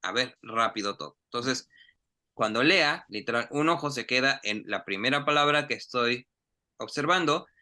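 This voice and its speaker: A man leads an English pronunciation class. His voice is very bright and forward, and he talks in an animated, coaxing way, slowing down to model each phrase. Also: medium pitch. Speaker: English teacher. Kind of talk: online class, explaining in Spanish.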